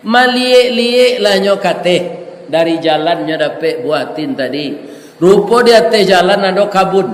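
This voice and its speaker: Slow Minangkabau preacher in echoey hall. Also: male voice, fairly high pitch. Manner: slow, deliberate, checks in with "ya kan?". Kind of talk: storytelling sermon. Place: prayer hall. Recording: echoey hall with faint noise.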